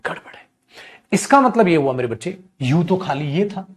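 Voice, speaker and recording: A man's voice: fairly high pitch, expressive, normal speed. Man teaching, fond and repetitive. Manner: calls students "my child", repeats key points. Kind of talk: online grammar lecture.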